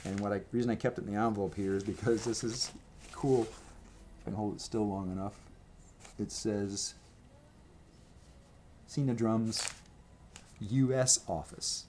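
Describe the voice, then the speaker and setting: Seated at a table in a gray-walled room with a red accent wall, a man with a lowish voice chats into his camera's microphone, showing off the merch he owns in a loose show-and-tell. He meanders, restarts sentences and fills gaps with ums and you-knows, his fairly even, slightly slow, somewhat mellow delivery sitting over faint room ambience and slight background noise.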